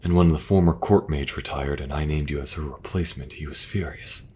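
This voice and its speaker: A man playing an earnest young king who speaks in a halting, soft-spoken way. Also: extremely low pitch, a little hiss or hum. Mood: troubled. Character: earnest young king, burdened but kind. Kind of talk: fantasy audio roleplay.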